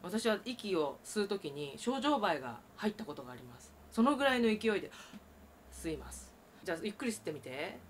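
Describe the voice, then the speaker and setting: A woman teaching traditional Japanese singing, explaining breath and voice and breaking into loud sustained sung tones. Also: mid-range voice, sing-song, quick pace, a little hiss or hum. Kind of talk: vocal lesson with sung demonstrations.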